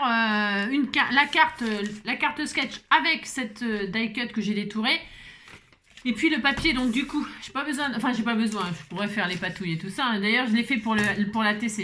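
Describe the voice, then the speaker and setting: A woman's voice: on the high side, pushed and bright. A tired French woman chatting casually at home while making a card, rambling with lots of fillers, restarts and small laughs. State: a little tired. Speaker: papercraft vlogger. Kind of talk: casual chatty craft tutorial.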